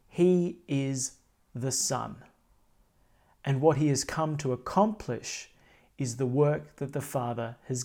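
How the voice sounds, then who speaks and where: During a Mass, a priest delivers a liturgical scripture reading and homily with solemn, declamatory weight. His voice sits fairly high in pitch and carries a darkish tone.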